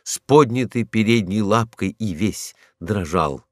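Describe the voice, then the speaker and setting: A man's voice: lowish voice, lively intonation, unhurried, no echo, studio quality. A man narrating a storybook, reading expressively.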